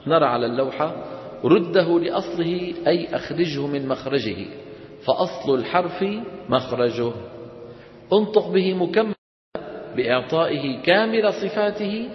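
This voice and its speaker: A man teaches recitation in a somewhat high voice, firing questions at his class and drilling them. His voice rings through a large hall with a long echo, and the sound is dull. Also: lively intonation, moderate pace. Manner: questioning, drilling students call-and-response. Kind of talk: classroom instruction.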